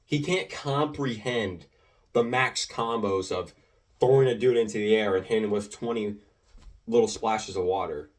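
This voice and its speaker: Speaking at a normal speed, a teenage boy who makes gaming videos rambles through an account of his online matches, his slightly low voice getting more animated as he goes. His casual commentary jumps between thoughts and is packed with ums, likes, and restarts, and he sits a little way from the mic.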